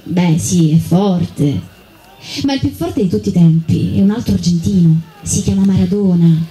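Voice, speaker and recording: A woman's voice: fairly low pitch, moderate pace, dark tone, natural voice, rough recording. A woman voicing Yao, a playful, patient fifteen-year-old boy looking after a younger child.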